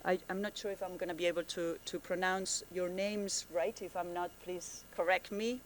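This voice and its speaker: A woman program manager giving a friendly conference presentation, halting often with fillers and restarts, speaking in a conference room. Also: lowish voice, steady tone, slight background noise.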